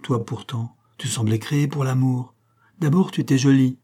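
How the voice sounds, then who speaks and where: A man voicing a gentle, pensive woman who questions her sister tenderly, in a read-aloud story. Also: mid-range voice, fairly even intonation, normal speed, husky, lightly acted. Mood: gently probing. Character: aging woman, gentle, probing older sister.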